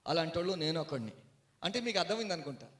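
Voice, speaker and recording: A man preaching a sermon in a storytelling way, swinging from hushed tones to loud outbursts. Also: fairly high pitch, sing-song, rapid-fire, roomy sound. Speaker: guest preacher.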